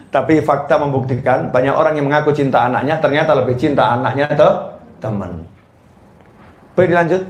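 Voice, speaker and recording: Playful Indonesian preacher in an echoey hall. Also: male voice, slight background noise. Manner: playful, teasing the audience with questions; jumps into high squealing mimicry of mothers. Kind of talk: sermon. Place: hall with a live audience.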